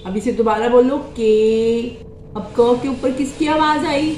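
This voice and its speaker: A woman's voice: on the high side, dark tone, a little hiss or hum. A woman teacher reading a Hindi lesson aloud to young children syllable by syllable, calling herself ma'am. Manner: calls herself "ma'am", addresses pupils as beta, drawn-out vowels. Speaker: primary school Hindi teacher. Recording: echoey room.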